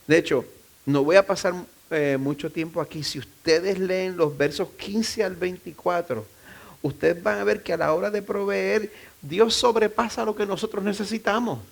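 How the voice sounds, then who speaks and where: In church, a pastor with a high-pitched, creaky voice preaches at a normal speed. His sermon is loose and conversational, with frequent restarted phrases and self-deprecating asides.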